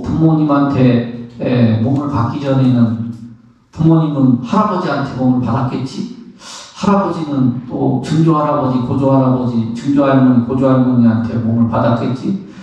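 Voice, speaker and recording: Animated monk, echoey and distant. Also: male voice, medium pitch, dull audio. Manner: animated, laughing, acts out counting breaths. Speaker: Buddhist monk teaching meditation. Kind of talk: spoken teaching on meditation. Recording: echoey room, somewhat far from the mic.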